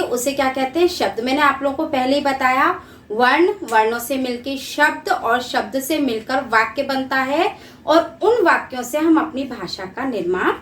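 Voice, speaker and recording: Young woman, school teacher: patient, unhurried explanations, echoey room. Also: high voice, fairly bright tone, a little hiss or hum. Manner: patient, explains step by step, repeats key terms. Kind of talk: recorded grammar lesson.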